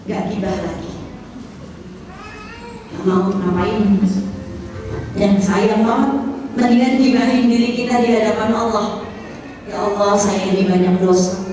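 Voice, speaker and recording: A woman's voice: on the high side, slight background noise. A woman preacher giving a sermon in a chatty, teasing way, often speaking straight to the women listening. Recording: very echoey, distant hall recording.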